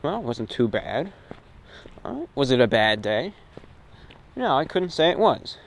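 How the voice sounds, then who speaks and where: A man talks to his own show's audience, radio and online, while strolling outdoors, with ambient noise clearly audible. His medium-pitched voice is very animated yet unhurried, drifting through casual, thoughtful short phrases.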